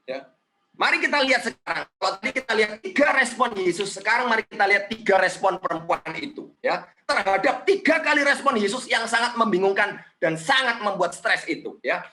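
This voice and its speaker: Animated, high-voiced male preacher. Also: moderate pace. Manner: animated, questioning, frequent tag "ya". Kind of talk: sermon.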